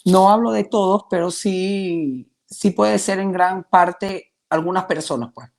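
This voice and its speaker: A man's voice: high voice, measured pace, vocal fry. Earnest young Venezuelan man. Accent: Venezuelan Spanish. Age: 20s. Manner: hesitant, restarts often, earnest. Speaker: testimony guest. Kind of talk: personal faith testimony.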